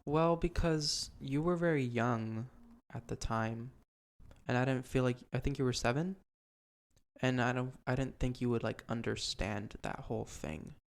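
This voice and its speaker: A young man hosts a podcast in an unhurried, creaky voice of medium pitch. His talk is a casual, earnest ramble, dotted with ums and frequent restarts.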